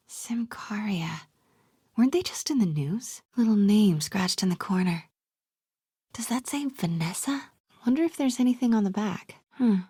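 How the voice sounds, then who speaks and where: Here the same kind of role appears: an American actress voicing a brave, sharp young reporter for a video game, fully in character. She speaks in a mid-range, breathy, husky voice with a wry, conversational, frequently hushed manner, captured at studio quality without room sound.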